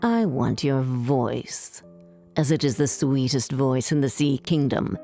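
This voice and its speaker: A woman voicing a wicked old female sea witch, speaking slowly and low with a cold, threatening manner. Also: animated, dark tone, faint music behind, full character voice.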